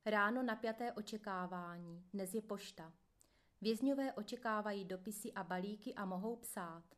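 A woman narrating a first-person memoir in a steady, earnest manner. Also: mid-range voice. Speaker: audiobook narrator.

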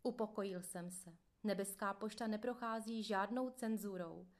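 A woman narrating a first-person memoir in a steady, earnest manner. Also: mid-range voice. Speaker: audiobook narrator.

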